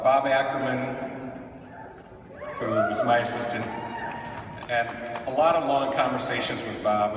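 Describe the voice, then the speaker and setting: A middle-aged man giving an acceptance speech at a podium, speaking haltingly with frequent pauses. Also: medium pitch. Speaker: award recipient, veteran film editor. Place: large indoor hall at an awards event. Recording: very echoey hall, distant mic, faint noise.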